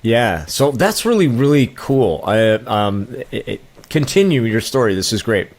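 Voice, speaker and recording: A man's voice: medium pitch, sing-song, unhurried. A middle-aged man hosting a casual podcast, enthusiastic and encouraging toward his guest. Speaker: podcast host.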